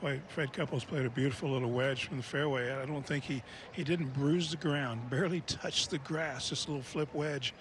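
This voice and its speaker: A man's voice: mid-range voice, fairly even intonation, moderate pace, slight background noise. A man giving live golf commentary in short, descriptive, conversational observations.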